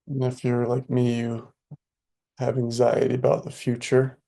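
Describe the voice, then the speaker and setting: A man guides a meditation in a calm, slow manner, offering sparse phrases separated by long pauses. His warm voice sits at medium pitch, stays monotone, and carries some vocal fry.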